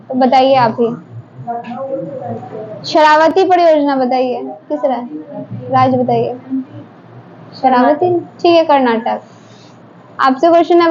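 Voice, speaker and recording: A woman teacher running a quick quiz drill in a classroom, briskly prompting students to answer one after another. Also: high voice, darkish tone. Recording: dull lo-fi classroom recording, faint noise.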